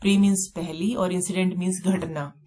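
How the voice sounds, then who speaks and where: Woman, low-pitched, vocabulary teacher, step-by-step explanations, repeats key words. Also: fairly even intonation, moderate pace, warm tone. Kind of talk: exam-prep vocabulary lesson.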